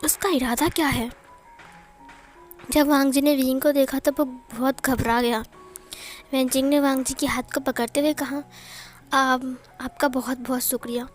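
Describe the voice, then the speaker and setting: A woman's voice: high voice, steady tone, normal speed, long pauses, faint music behind. A woman narrating a fan fiction story, retelling it plainly and quoting each line.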